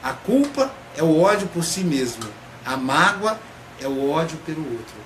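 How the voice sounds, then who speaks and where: A man, a psychoanalyst, giving a reflective spoken talk and drawing out key words slowly for emphasis. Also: a little high, big pitch swings. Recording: echoey room, faint background noise.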